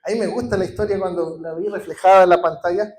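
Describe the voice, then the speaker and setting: High-voiced Chilean pastor preaching passionately. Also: male voice, fairly even intonation, fast talker, a little mellow, echoey room. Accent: Chilean Spanish. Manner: impassioned, builds to emphatic repeated declarations; frequent hesitations and restarts. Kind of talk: sermon. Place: church.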